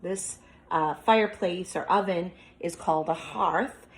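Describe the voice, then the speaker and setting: In a teacher's demonstration of reading to children, a woman goes through a picture book with commentary, prompting young listeners with questions like a class. Her voice is fairly low and her pace a little slow.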